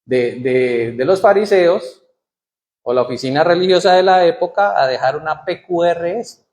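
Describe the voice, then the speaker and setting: A man's voice: on the high side, normal speed, darkish tone. A man preaching a sermon in church, asking the congregation questions and reading scripture aloud with rising emphasis. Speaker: pastor.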